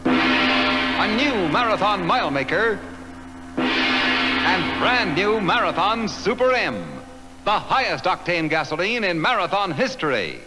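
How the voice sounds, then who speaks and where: A man announcing a vintage radio commercial in a bright salesman's delivery, heard as an old recording. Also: sits high, sing-song, slow pace, pauses often, loud music behind the voice, low-quality recording.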